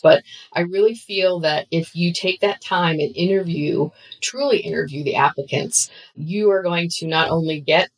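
A woman speaking as an interview guest and expert on women in the skilled trades, giving earnest, steady advice. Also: fairly low pitch, poor audio. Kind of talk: conversational interview.

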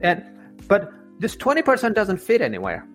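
A man's voice: sits high, huge pitch swings, moderate pace, a bit bright, soft background music. A man, a life coach, telling his story as a guest in an interview, often repeating words and restarting sentences.

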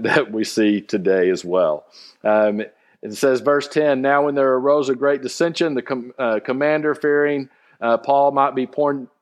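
A man teaching a casual Bible study, reading scripture aloud and explaining it with many fillers and restarts. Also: medium pitch.

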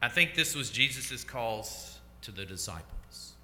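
Male pastor giving a sermon, really bright voice, slow deliberate lines that trail off soft, big echoey church. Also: medium pitch, lively intonation. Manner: slow, deliberate delivery that drops to a hush at phrase ends.

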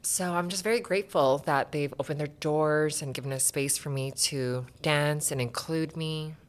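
A woman's voice: deep voice, moderate pace. A woman from Canada, a bubbly guest who laughs often in a casual podcast interview.

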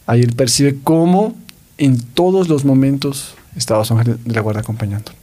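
A man's voice: mid-range voice, a little fast. Guy on a podcast telling a story, lots of eh and quoted lines, mid voice. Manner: animated retelling with quoted voices, frequent fillers. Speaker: podcast co-host. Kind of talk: casual storytelling.

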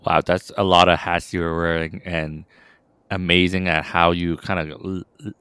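Very deep-voiced man hosting an interview. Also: little pitch movement, moderate pace, bright, forceful tone, clean tone, dry recording. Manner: rambling, filler-heavy questions. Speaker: interview host. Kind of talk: podcast interview.

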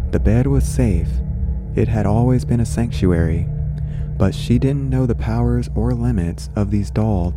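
A man reading a horror short story aloud after a loose, chatty intro. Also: lowish voice. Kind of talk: casual intro and story narration.

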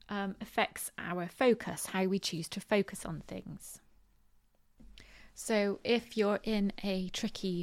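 Chatty woman with a West Country accent. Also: medium pitch. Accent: West Country English. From Bristol, southwest England. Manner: chatty, informal, hesitant with many ums. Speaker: podcast host. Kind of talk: casual solo podcast talk.

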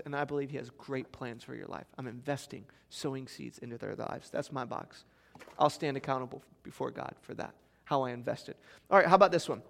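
A man preaching a sermon as pastor, telling stories with animated swings between loud emphasis and quiet asides. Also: on the high side, long reverb tail.

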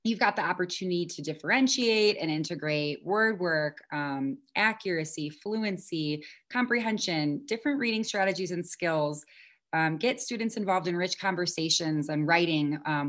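A woman's voice: fairly low pitch, normal speed, a bit bright. A woman guest on a podcast interview, earnest and articulate, explaining her views with occasional ums. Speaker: podcast guest, instructional coach. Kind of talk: conversational interview.

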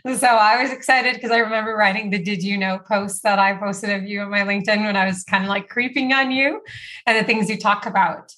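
Brief: woman from Brazil, bright lively voice, chatty interview guest, lots of "like". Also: mid-range voice, brisk. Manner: chatty, uses "like" often, laughs between phrases. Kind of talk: casual interview talk.

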